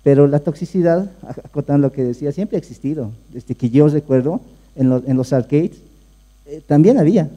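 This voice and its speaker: Man from bolivia, audience comment, very dark voice, hesitant, mains hum. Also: on the high side, brisk. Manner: hesitant, many fillers and restarts. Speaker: audience member. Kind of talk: panel discussion comment.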